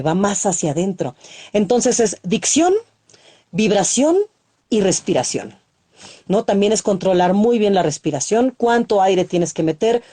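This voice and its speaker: A woman's voice: mid-range voice, slightly rough. A woman, a poet and radio announcer, reciting poems and explaining reading aloud with many demonstrations, speaking from a broadcast booth over a video call. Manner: expressive, demonstrates voice techniques, frequent "¿no?". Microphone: studio microphone, remote video call.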